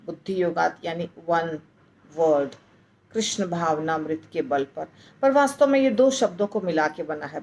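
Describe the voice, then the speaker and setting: A woman teaching the pronunciation of a scripture verse, breaking words apart and repeating them carefully, then chanting the verse slowly. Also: fairly low pitch, darkish tone, slight background noise, poor audio. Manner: chants verses in a slow drawn-out way. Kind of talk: pronunciation lesson.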